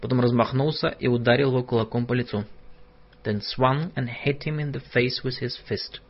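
A man reading a story aloud in two languages, in a measured, plain way. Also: mid-range voice, steady tone. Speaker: audiobook narrator. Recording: dull lo-fi audiobook recording.

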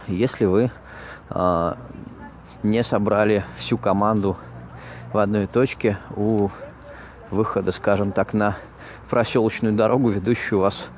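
Guy doing a podcast, lowish voice, stops and starts a lot, bit of background noise. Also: a little mellow. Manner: halting, searching for words in broken phrases. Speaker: podcast host. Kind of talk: informal podcast monologue.

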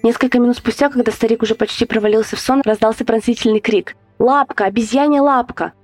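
Steady woman narrating a horror story. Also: a little high, fast talker, faint music behind. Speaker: podcast host.

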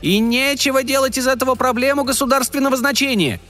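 A man voicing a tiny, quick-tempered male fairy in a piercing falsetto, boastful and irritable. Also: pushed and bright, faint music behind. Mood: indignant. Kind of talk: audiobook character voice.

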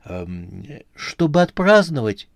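A man's voice: medium pitch, very animated, slow pace, creaky, no echo, exaggerated voice. A man voicing a sneering but cowardly clown chairman. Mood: sly. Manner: sneering, timid.

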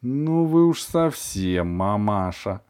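A man's voice: a little high, lively intonation, moderate pace, a little mellow, voice pushed up. A man voicing a small, stern female dentist who coaxes a child and then orders him about firmly. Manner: coaxing then sharply commanding.

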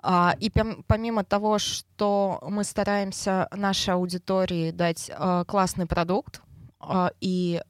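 A woman's voice: lowish voice, dry recording, studio quality. A woman who pronounces her r with a burr, explaining things informally as a guest in a podcast interview. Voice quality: burred, non-standard r sound (speech impediment). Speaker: interview guest, head of a traffic department.

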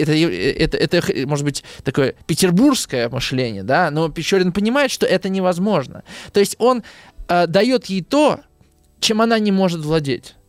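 A man's voice: on the high side, vocal fry, no echo. A man giving a literature lecture, hesitant, full of fillers and rhetorical questions to his listeners.

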